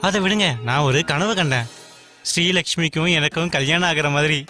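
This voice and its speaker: A man's voice: a little high, fairly quick, sharp tone. A man dubbing a chatty, lovestruck young man who rambles eagerly. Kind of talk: Tamil film dub. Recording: film soundtrack with faint music.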